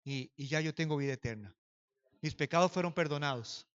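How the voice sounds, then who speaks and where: A man preaching a sermon as pastor, telling a personal story and swinging from hushed to loud. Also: fairly high pitch, a little fast, smooth, lo-fi sound.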